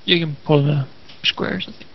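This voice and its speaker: A man's voice: fairly high pitch, fairly even intonation, moderate pace, vocal fry, breathy edge. A man acting as game master, casually narrating and refereeing a tabletop role-playing game. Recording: dull lo-fi voice-chat audio.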